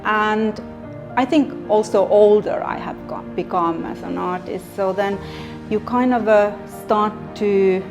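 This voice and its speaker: Middle-aged Finnish-accented woman, unhurried and reflective, with soft music in the background. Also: medium pitch. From Finland. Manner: slow, thoughtful, with many pauses and fillers. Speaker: artist. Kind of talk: interview monologue.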